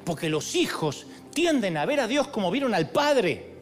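Pastor guy preaching in a stadium, really high voice, music going behind him. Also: big pitch swings, moderate pace. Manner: impassioned, shouting calls to the crowd. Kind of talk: sermon. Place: large stadium.

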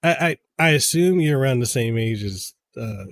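A man in his thirties, a game reviewer guesting on a podcast, talking in an excitable way and often stumbling over repeated words. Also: mid-range voice, moderate pace. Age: 30s. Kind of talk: casual podcast chat.

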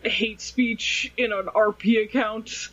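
A man's voice: high-pitched, fairly even intonation, takes it slowly, over a noisy crowd. A man co-hosting a podcast in casual chat, rambling and sarcastic. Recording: slightly dull lo-fi recording.

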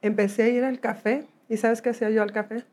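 Guest, Mexican woman, middle-aged, highish voice, animated storyteller. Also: fast talker. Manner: animated, acts out quoted voices. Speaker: interview guest. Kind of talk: conversational storytelling.

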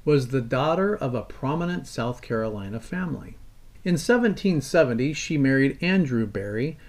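A man hosting a history podcast, reading scripted narration in an earnest, measured storytelling way. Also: medium pitch, a little mellow. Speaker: podcast host.

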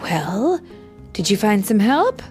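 A woman voicing a gentle, caring mother turtle in a children's storybook, speaking softly and soothingly. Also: medium pitch, big pitch swings, slow pace, soft background music. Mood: tender.

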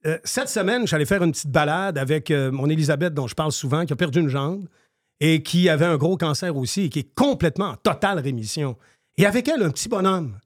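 Animated older man with a Quebec accent. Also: a little high, fast. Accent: Quebec French. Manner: animated storyteller, many fillers. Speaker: guest. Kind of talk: casual radio chat.

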